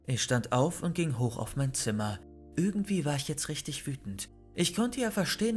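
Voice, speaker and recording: Man telling a suspenseful horror story. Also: on the high side. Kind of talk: scripted narration of a horror story. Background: faint background music.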